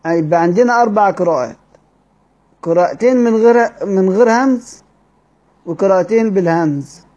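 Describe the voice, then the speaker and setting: A man with an Egyptian accent teaching Quranic readings in a study-circle lecture, explaining step by step and drawing out key words slowly. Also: high-pitched, dark tone. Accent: Egyptian Arabic. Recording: dull lo-fi recording.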